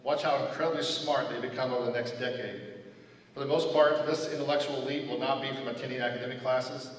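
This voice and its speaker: A man's voice: mid-range voice, steady tone, fast. A man giving an earnest commencement address as a list of short pieces of advice. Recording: echoey hall, voice from far off.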